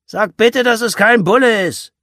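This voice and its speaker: A man voicing a gruff older father and former punk, murmuring at times and calling out loud at others, in a storybook reading. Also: mid-range voice, sing-song, fairly quick, no room sound, studio quality, voice pushed up.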